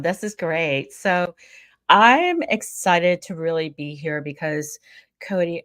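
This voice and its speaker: With a fairly low voice captured in studio quality and no echo, a Pennsylvania woman talks as an interview guest. She's an upbeat thought leadership coach who frequently repeats words during the conversation.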